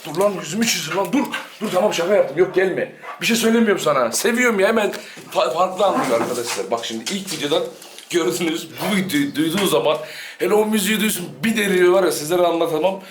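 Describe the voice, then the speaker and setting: A man's voice: sits high, expressive, fast, noisy background. A man, chatting casually to viewers in a home vlog while teasing and scolding his dog. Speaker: dog channel vlogger.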